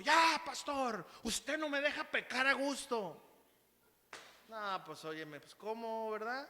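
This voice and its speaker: A man's voice: high voice, a bit bright. A man with a Mexican Spanish accent preaching a sermon as pastor, speaking conversationally and calling the congregation brothers. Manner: uses quick acted quotes of others. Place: church hall. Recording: long hall reverb.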